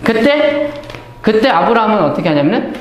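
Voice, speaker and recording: A man teaches a Bible lesson in a high, sweeping voice. He keeps asking himself questions and answering them, and acts out the lines he quotes. The room is echoey. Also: a little fast, slight background noise. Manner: animated, asks and answers his own questions, acts out quoted speech. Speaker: Bible lecturer. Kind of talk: Bible study lecture.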